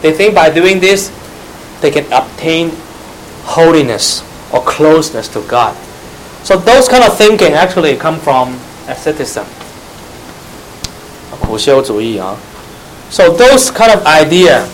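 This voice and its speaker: A man's voice: fairly high pitch, sing-song, a little slow, pauses often, a little hiss or hum, low-quality recording. A man teaching church history, spelling out terms letter by letter, glossing them in Chinese and quizzing his listeners. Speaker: Bible teacher.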